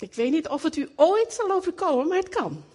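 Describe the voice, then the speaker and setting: A middle-aged woman preaching a sermon in an animated way, repeating phrases for emphasis. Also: extremely high pitch, brisk. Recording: echoey hall, long reverb.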